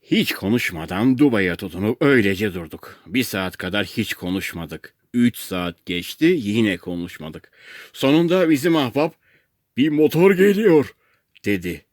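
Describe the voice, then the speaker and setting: Male audiobook narrator, expressive comic reading, very animated intonation, dry booth sound. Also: fairly low pitch, moderate pace, no room sound. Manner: expressive, playful storytelling. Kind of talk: first-person comic story reading.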